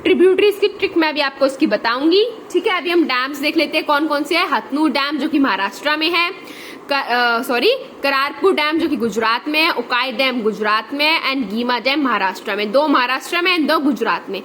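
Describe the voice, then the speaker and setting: A woman giving a lecture, slowly spelling out memory tricks and often checking in with her listeners. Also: high-pitched, lively intonation, fairly bright tone, a little hiss or hum. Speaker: teacher.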